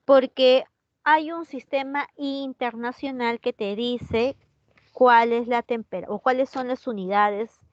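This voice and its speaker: A woman's voice: fairly high pitch, steady tone, slow pace, no room sound, dull audio. Chatty Peruvian woman teaching chemistry. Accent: Peruvian Spanish. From Peru. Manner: chatty, asks students questions and answers chat comments. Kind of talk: online class lecture.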